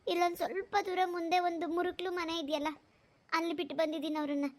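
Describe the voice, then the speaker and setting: A woman voicing a poor, abandoned young mother in a cartoon, speaking softly and respectfully. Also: extremely high pitch, steady tone, fast. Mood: sorrowful. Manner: soft, pleading and respectful. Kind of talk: cartoon voice acting.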